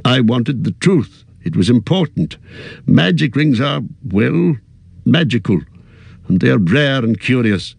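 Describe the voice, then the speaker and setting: A man reading aloud, voicing a grave, wise old male wizard in a slow, measured, thoughtful way. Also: medium pitch, expressive, vocal fry, slightly rough, no room sound, voice pushed up, full character voice.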